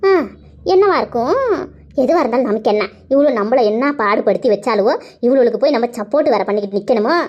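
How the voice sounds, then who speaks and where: A woman's voice: on the high side, lively intonation, fast talker, darkish tone, pitched below the performer's own voice. A woman voicing a grumbling wife in a cartoon who searches for her missing husband. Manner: grumbling, defensive. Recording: dull lo-fi sound.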